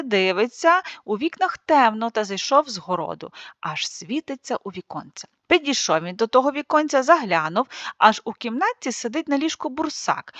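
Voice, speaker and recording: A woman narrating a classic folk tale as an audiobook, with a lively expressive reading. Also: fairly high pitch, no room sound. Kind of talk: storytelling narration. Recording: dry, slightly muffled studio read.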